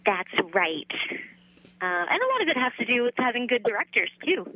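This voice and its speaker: A woman voice actress in her thirties, chatting easily as an interview guest, with relaxed fillers and a light, laughing manner. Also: on the high side, normal speed, no room sound, phone-quality sound. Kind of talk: casual interview chat.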